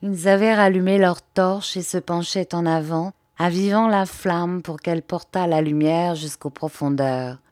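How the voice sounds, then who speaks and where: Woman, audiobook narrator, measured reading, dry close sound. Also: on the low side, darkish tone, dry recording. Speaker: audiobook reader. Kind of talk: scripted narration.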